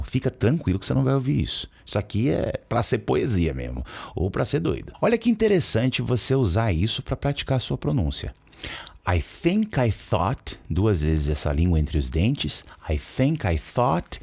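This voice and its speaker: A man with a Brazilian Portuguese accent teaching English in a casual, slangy way, slowly repeating words to show how they sound. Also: mid-range voice, vocal fry, slightly rough. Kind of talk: casual explanatory lesson.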